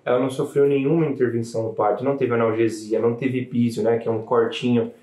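Mellow-voiced man recounting a birth, casual and animated, roomy echo on the mic. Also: mid-range voice, quick pace. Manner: chatty, animated retelling with frequent "né" tags. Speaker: new father telling his partner's birth story. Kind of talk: casual storytelling to camera.

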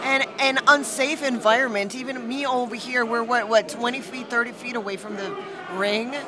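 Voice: mid-range voice, fairly even intonation, normal speed. An emphatic, alarmed lucha libre announcer giving casual live color commentary and repeating phrases for emphasis. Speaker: wrestling co-commentator. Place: indoor wrestling venue, near the ring. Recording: crowd noise in wrestling venue.

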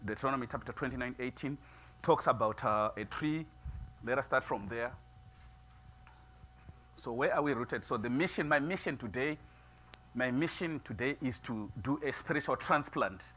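A middle-aged man preaching a sermon in a small church, moving from quiet musing to loud, emphatic preaching. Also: mid-range voice, moderate pace, pauses often, a little hiss or hum. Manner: builds from soft musing to loud preaching, gestures widely. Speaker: pastor. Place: small church sanctuary, seated before altar flowers.

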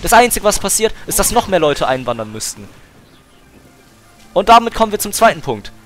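A man's voice: high voice, big pitch swings, a little fast, a bit bright, soft background music. A young man streaming a game, chatting casually and arguing his point in slangy talk, pushing on through interruptions. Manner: argumentative, slangy, talks over interruptions. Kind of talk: casual chat while gaming.

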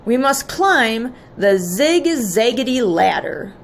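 A woman's voice: fairly high pitch, slow, a little hiss or hum, exaggerated voice. A woman reading aloud, voicing a clever, cheerful boy who shows visitors around his house. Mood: excited. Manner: excited, proclaiming.

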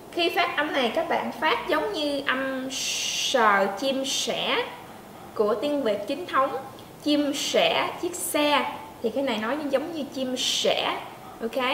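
High-voiced woman teaching pronunciation, echoey. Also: a bit bright, slight background noise. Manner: demonstrates sounds slowly, asks learners to check in. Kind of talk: pronunciation lesson. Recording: echoey room with faint ambience.

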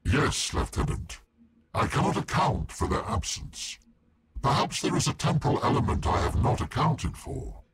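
An actor playing a solemn ancient psychic warrior entombed in a war machine, speaking in a grave, cryptic, seer-like way in a video game. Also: male voice, fairly high pitch, animated, normal speed, breathy edge. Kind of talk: dramatic scripted game monologue.

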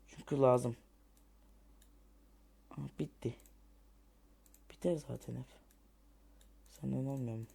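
A man's voice: medium pitch, creaky, warm tone, husky. Grumbling young man narrating his gameplay. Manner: frustrated, grumbling and cursing at the game; thinking aloud while building. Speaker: gamer. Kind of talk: let's play commentary.

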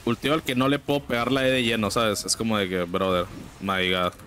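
A young man with a Mexican accent gives casual, slang-filled commentary over his own gameplay, breaking into sudden high exclamations and griping about teammates. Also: steady tone, a little fast, a bit bright, a little hiss or hum. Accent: Mexican Spanish. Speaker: gaming streamer.

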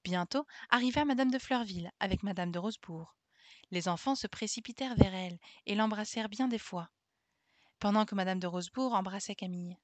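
Calm woman reading a story aloud. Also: medium pitch, brisk, dry recording. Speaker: streamer reading an audiobook aloud. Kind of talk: reading a classic children's novel aloud.

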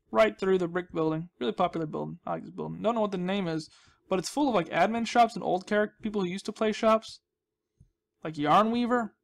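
A man with a high-sitting voice and vocal fry hosts a gaming channel, rambling casually in playful, goofy commentary and often repeating words and phrases.

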